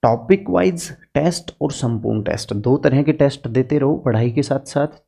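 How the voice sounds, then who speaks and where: A man's voice: mid-range voice, creaky, warm tone, muffled recording. A man teaching political science exam strategy in an earnest, direct lecture, using homely farm examples to make his points.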